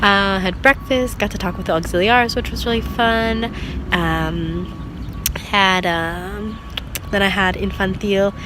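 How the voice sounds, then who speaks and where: A woman's voice: medium pitch, fairly even intonation, measured pace, noisy background. A young American woman in her twenties, chatting casually in a vlog with lots of fillers and laughs. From United States. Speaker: vlogger and language assistant at a school. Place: outdoors in a park.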